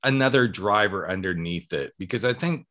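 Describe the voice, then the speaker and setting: Male podcast host, low voice, lively intonation, conversational. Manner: friendly, drawn-out questions with quick affirmations. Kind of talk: casual interview.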